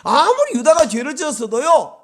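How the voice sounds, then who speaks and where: Animated Korean pastor preaching a sermon. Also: male voice, very high voice, moderate pace. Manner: animated, acts out voices of children and psalmist in dialogue.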